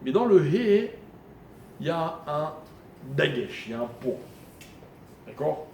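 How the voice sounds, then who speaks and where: A man's voice: fairly high pitch, big pitch swings, slow, creaky, darkish tone. Man teaching a Torah class in an echoey room. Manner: questioning listeners, explaining Hebrew grammar step by step. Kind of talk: live Torah lesson to a small audience. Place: room with a small live audience. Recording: echoey room recording with faint noise.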